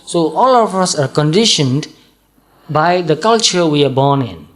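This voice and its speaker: A man from Burma with a Burmese accent, giving a calm, patient dharma talk and repeating points slowly. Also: fairly high pitch. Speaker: Buddhist monk teacher.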